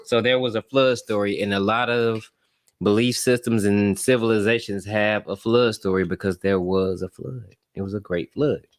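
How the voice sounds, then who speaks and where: A man hosting a casual livestream chat, loud and joking, trash-talking his guests. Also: on the low side, steady tone, normal speed. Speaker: host.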